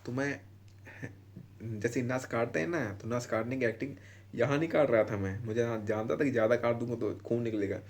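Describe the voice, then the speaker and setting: A man's voice: mid-range voice, fairly even intonation, brisk. Rambling young man vlogging casually. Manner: rambling, informal, with restarts. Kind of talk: casual advice vlog.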